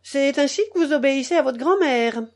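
A woman's voice: mid-range voice, slow pace, a little mellow, close to an everyday voice. A woman reading the lines of an indignant, theatrical male tutor. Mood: reproachful. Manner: theatrical, reproachful.

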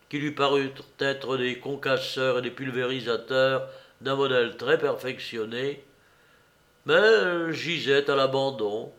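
A man narrating a novel as an audiobook, reading in a measured way that slows and drops at the ends of phrases. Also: mid-range voice, fairly bright tone.

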